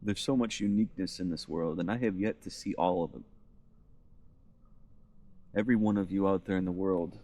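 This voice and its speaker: Deep-voiced man, earnest and emotional. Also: steady tone, normal speed, long pauses, mellow. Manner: emotional, earnest, fighting back tears. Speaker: vlogger. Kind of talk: heartfelt vlog monologue. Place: forest campsite outdoors.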